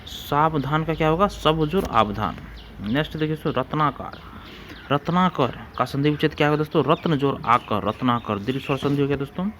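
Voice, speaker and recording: A man's voice: a little high, a little fast, fairly bright tone, a little hiss or hum. A man teaching an exam-prep grammar lesson, repeating rules and examples and calling his listeners friends.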